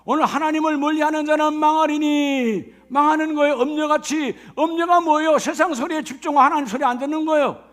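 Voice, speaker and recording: A man's voice: very high voice, steady tone, brisk, few pauses, a bit bright. A middle-aged male pastor, preaching a sermon with rising exclamations and questions to the congregation. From Gyeongsang Province, Korea.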